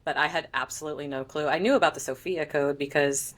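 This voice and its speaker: A woman's voice: low voice, fairly even intonation, quick pace. A woman guest on a podcast, an author, chatting casually with frequent laughs and fillers.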